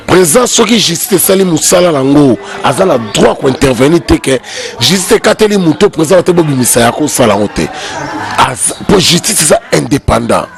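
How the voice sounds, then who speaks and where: A man's voice: medium pitch, creaky. A Congolese man speaking as a guest commentator in a heated political debate, emphatic and repeating his key points. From Congo (DRC). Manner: emphatic, repeats key phrases, voice climbs when arguing.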